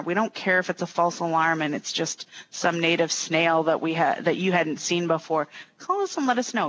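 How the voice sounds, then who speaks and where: A woman's voice: lowish voice, fairly bright tone. A woman from Minnesota, a state official, giving informal, explanatory answers in a conversational interview. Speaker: state natural resources official. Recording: dull lo-fi audio, faint noise.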